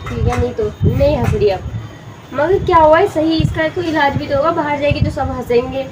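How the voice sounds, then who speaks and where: A woman's voice: high-pitched, fairly quick. A young woman chatting casually and teasing her friend, recorded from a distance with background noise. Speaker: friend, prank target. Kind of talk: casual chat. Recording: distant mic, noisy background.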